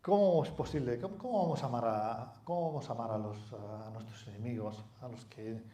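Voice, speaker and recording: A male preacher delivers a sermon in a chatty, conversational way, often throwing rhetorical questions at his congregation. His voice is mellow and sits at a middle pitch. He is heard in a roomy, echoing church hall. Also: a little fast. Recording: echoey hall.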